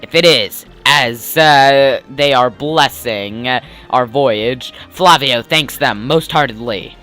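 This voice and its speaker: A man's voice: mid-range voice, takes it slowly, bright, forceful tone, faint music behind, voice pushed down. A man voicing a pompous, swaggering ship captain in a grand, theatrical pirate voice.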